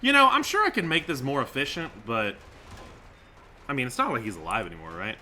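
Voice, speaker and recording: A man's voice: medium pitch, sing-song, fairly quick, sharp tone, a little hiss or hum. A man giving casual, joking commentary over a sandbox game, talking sarcastically with lots of fillers. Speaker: gaming YouTuber.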